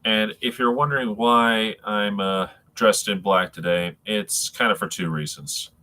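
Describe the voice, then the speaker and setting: A man with a congested, nasal sound, as if his nose were packed, talking casually and haltingly to viewers on a live stream. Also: lowish voice, fairly even intonation, sharp tone. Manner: halting, rambling, addressing viewers as folks.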